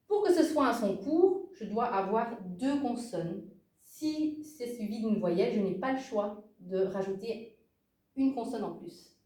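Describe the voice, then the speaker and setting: A woman's voice: fairly high pitch, a little mellow, reverberant, recorded from a distance. A woman giving an explanatory language lesson, emphatic and checking in often with her listeners. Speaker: language teacher.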